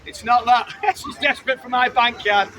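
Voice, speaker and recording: A British man evangelizes in the open air on a busy city street, his voice very high-pitched and his pace normal. Fervent and insistent, he pushes passers-by with repeated phrases, riddles and rhetorical questions, against a noisy backdrop of crowds and traffic.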